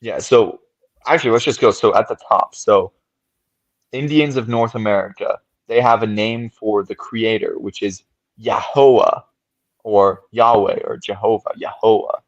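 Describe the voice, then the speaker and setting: A man's voice: lowish voice, fairly even intonation, normal speed, muffled recording. A man on a podcast talking through ideas at length in casual discussion, often checking in with "right?". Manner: thoughtful, explains at length with frequent "right?". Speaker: podcast co-host.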